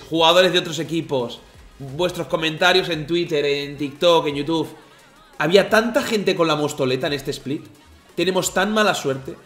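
A man recapping football matches as excited commentary, emotional and shouting at misses. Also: a little high, roomy sound. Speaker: team president and streamer recapping matches.

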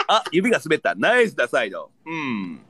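Lively Kansai man, bright voice. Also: fairly high pitch, normal speed, a little hiss or hum. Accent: Kansai Japanese. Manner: excitable, jokey, yells during game moments. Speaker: livestream host. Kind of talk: casual livestream chat.

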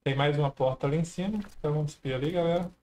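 Man, gameplay commentary, casual, exclamatory, talks to viewers, fairly high pitch. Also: rapid-fire, a little mellow, a little hiss or hum. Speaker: gameplay streamer. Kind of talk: casual let's-play commentary.

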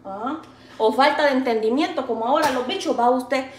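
A woman's voice: sits high, brisk. A woman with a Salvadoran accent chatting casually on her vlog, reading viewer comments and consoling them with fond pet names while she makes tortillas. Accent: Salvadoran Spanish. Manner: affectionate, calls viewers sweet pet names; consoling, folksy and talkative. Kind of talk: casual live-stream chat. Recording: echoey room with faint background noise.

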